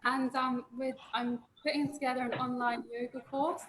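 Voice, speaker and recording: A soft-spoken woman talks quietly on a video call. Her voice stays flat and even, and there is a faint hiss behind it. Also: high voice, normal speed, roomy sound. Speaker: yoga teacher.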